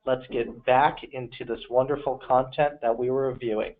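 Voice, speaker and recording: Male webinar host, mid-pitched, on a tinny phone line with uneven, fluctuating volume. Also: fairly even intonation, normal speed. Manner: apologetic, upbeat, direct to audience. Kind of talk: live webinar presenting. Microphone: phone dial-in.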